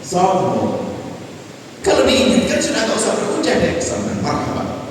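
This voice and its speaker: Male preacher, fairly high voice, playful and lively, booming mosque hall, heard from far off. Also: normal speed. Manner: lively, acts out short dialogues with playful teasing. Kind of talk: sermon. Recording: echoey hall from far off with room noise.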